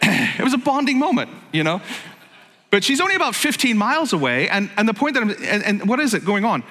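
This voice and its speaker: Sing-song and high-pitched, this Northern Irish pastor, a middle-aged man, talks a little fast with a bright, forceful tone in a big-room sound. His sermon is jokey and conversational, repeatedly broken by asides.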